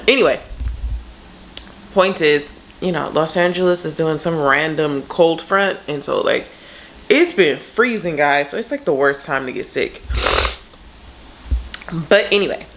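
A woman vlogger chatting casually to the camera, expressive and full of asides, with her voice slightly congested. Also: low voice, slight background noise, low-quality recording. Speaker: lifestyle vlogger. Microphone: camera mic.

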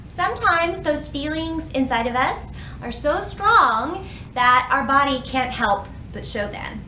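Leading storytime in a library, this woman in her thirties is animated and talks straight to the kids. Her voice sits high and unhurried, and the low-quality recording has a little hiss or hum.

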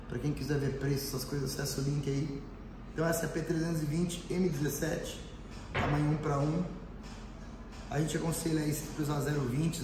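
A middle-aged man with a Brazilian accent and a thin, cracked, reedy voice, giving a casual, explanatory product demonstration. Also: a little high. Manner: informal, explanatory, frequent tag questions. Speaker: airsoft shop product reviewer. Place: indoor airsoft shop and small range room. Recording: roomy echo, faint background noise.

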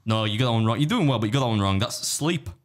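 A man's voice: on the low side, animated, rapid-fire. A man hosting a podcast, teasing his guest in casual chat with lots of restarts. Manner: teasing, laughing, hesitant restarts. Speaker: podcast host. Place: podcast studio.

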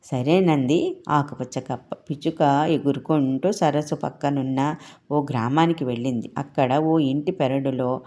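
Woman storyteller for children, soft and gentle, low voice. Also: a little slow. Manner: gentle, talks directly to small children.

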